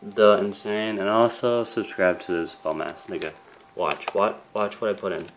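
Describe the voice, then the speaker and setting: This is a young man with a fairly low voice, talking straight to camera for his own gaming channel. He rambles in a loose, casual way, full of fillers and swearing, with an earnest, emotional tone as he thanks his viewers. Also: fairly even intonation, normal speed, slight background noise. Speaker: YouTube gaming channel host.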